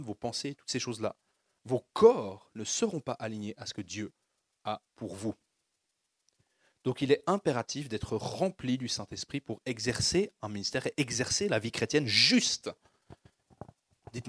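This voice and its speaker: Husky, lively French-speaking preacher man. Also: medium pitch, no echo. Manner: call-and-response preaching with rising fervor. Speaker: pastor. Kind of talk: sermon.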